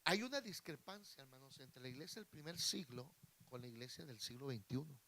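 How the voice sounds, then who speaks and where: A man from Mexico preaching a sermon to his congregation, swinging between loud emphatic bursts and quiet asides. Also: medium pitch, animated, brisk, slight background noise. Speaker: pastor.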